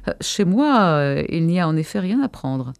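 A man's voice: a little high, very animated, moderate pace, gravelly, smooth, no room sound. A man voicing a poor, sincere workers' delegate who argues bluntly in a council meeting, in a novel read aloud. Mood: heated.

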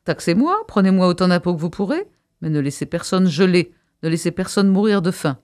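A man's voice: a little high, big pitch swings, moderate pace, a little mellow, no room sound, studio quality. A man voicing a poor, sincere workers' delegate who argues bluntly in a council meeting, in a novel read aloud. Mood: heated.

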